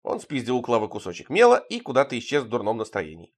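A man narrating a first-person story in a wry, deadpan voice. His pitch rises and falls freely, which keeps the reading animated. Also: quick pace. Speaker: audiobook narrator.

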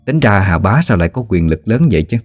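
A man with a Southern Vietnamese accent narrating a ghost story in a steady, plain manner. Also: low-pitched, quick pace, faint music behind.

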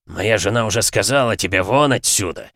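A man's voice: on the low side, brisk, a bit bright, no echo, studio quality, natural voice. A man voicing an enraged older lord of a castle, roaring and bellowing. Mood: furious.

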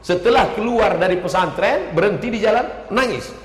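High-pitched indonesian preacher, jokey sermon, shouts out lists, big echoey hall. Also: male voice, moderate pace. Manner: lively, joking, shouts lists for emphasis. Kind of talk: humorous sermon. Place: large hall with a stage. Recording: echoey hall with long reverb.

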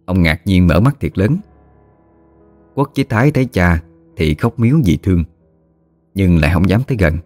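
A man's voice: deep voice, lively intonation, normal speed, long pauses, darkish tone, dry recording, soft background music. A man with a Southern Vietnamese accent narrating a ghost story steadily.

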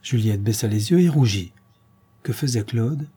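Warm husky male storyteller. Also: medium pitch. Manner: measured, expressive storytelling. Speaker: audiobook narrator. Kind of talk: reading a 19th-century novella aloud.

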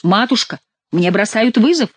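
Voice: expressive, moderate pace, husky, no room sound. A reader voicing a hysterical king, a man who wails and rants in an overwrought way. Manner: wailing, shrill, overwrought. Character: hysterical King, middle-aged man, excitable.

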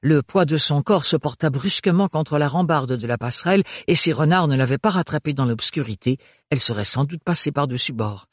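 A man reading a novel aloud as an audiobook narrator, with steady, measured narration on a close mic. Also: fairly high pitch, dry recording. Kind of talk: scripted narration.

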